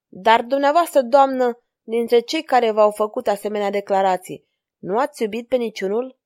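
A woman's voice: on the high side, lightly acted. Woman voicing a flirtatious courtly king. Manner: courtly, flattering. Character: gallant amorous male king, courtly and flirtatious.

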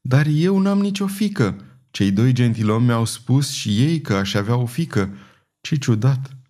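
A man's voice: medium pitch, expressive, a little mellow, natural voice. A man voicing Saizuma, a dazed wandering fortune-teller. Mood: wistful. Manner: slow, murmuring, dazed delivery. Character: wild-hearted madwoman, a wandering fortune-teller.

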